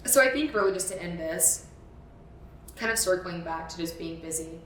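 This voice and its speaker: A woman's voice: on the low side, lively intonation, normal speed, echoey room, recorded from a distance, a little hiss or hum, rough recording. A woman hosting her own podcast, talking through her reflections in an earnest, emphatic way and repeating words for stress. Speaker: podcast host. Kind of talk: reflective solo podcast monologue.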